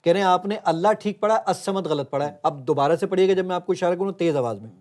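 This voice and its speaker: Earnest man explaining a demo, slightly high voice. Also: darkish tone. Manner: earnest, explains step by step while showing a phone. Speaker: tech app founder as guest. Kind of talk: conversational interview with live app demo.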